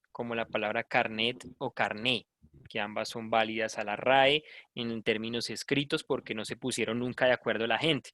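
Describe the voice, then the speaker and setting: A man's voice: medium pitch, a bit bright, dry recording, clean studio sound. A Colombian man teaching a language class, talking in a conversational way and often checking in with tag questions. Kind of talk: online class lecture.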